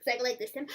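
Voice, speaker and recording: A woman's voice: on the high side, bright, forceful tone. A woman talking casually to the camera as a first-time mom in a home vlog, chatty and rambling, often breaking into laughs.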